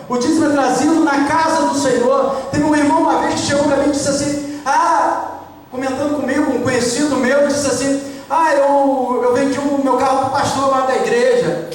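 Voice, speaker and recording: A man's voice: extremely high pitch, a little hiss or hum. A man with a Brazilian Portuguese accent preaching a sermon as pastor, stressing his points by repeating them and putting questions to the congregation. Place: church hall. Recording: echoey church hall from far off.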